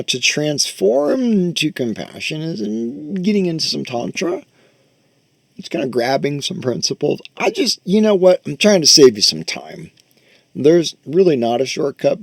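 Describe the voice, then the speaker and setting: Animated, casual male meditation teacher. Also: mid-range voice, normal speed, gravelly, no echo. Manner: loose, conversational, swears casually, many fillers. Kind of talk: casual dharma talk with guided meditation. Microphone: close microphone.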